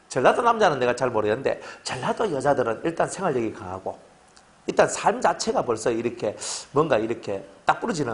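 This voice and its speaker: Speaking in a mid-range voice, a middle-aged male pastor delivers a sermon with humor and energy. He keeps asking the congregation to agree with him.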